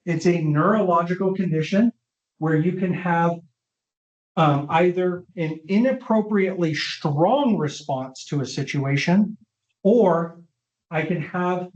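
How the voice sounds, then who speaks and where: A man delivers a conversational lecture on brain health, checking in with his listeners as he goes. His voice sits a little high. The sound is roomy and slightly muffled, like a lo-fi online session. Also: measured pace, darkish tone. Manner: informal, often checks understanding with the audience. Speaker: neuropsychologist presenting a talk. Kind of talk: conversational lecture with audience questions.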